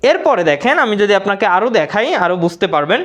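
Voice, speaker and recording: A man's voice: sits high, sing-song, fast talker, a bit bright. A man with a Bangladeshi Bengali accent teaching English grammar in a live online class, repeating words and answering his own questions.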